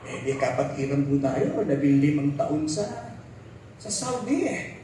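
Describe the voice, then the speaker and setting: A man's voice: a little high, sing-song, a little slow, dark tone, a little hiss or hum. A Filipino man preaching a sermon as pastor, switching between Tagalog and English and acting out the people in his stories. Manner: mixes English into Tagalog, acts out quoted voices. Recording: very echoey hall, mic far off.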